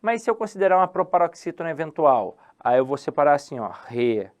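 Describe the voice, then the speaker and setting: A man's voice: fairly high pitch, expressive, fast talker. A Brazilian man teaching a Portuguese grammar lesson for exam prep, stretching key words and asking and answering his own questions.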